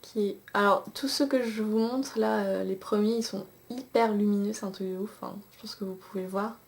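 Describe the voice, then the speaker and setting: Chatty and casual, a young beauty vlogger swatches eyeshadows for a camcorder mic, stumbling into fillers and restarts. She talks fairly quickly in a creaky, medium-pitched voice with fairly even intonation.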